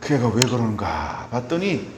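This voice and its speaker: A middle-aged man preaching a sermon as pastor, chatty and personal, often checking with the congregation and swinging between soft asides and loud emphatic points. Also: medium pitch, very animated, normal speed. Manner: conversational preaching, frequent rhetorical "right?" checks. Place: church sanctuary. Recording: echoey church hall with faint background noise.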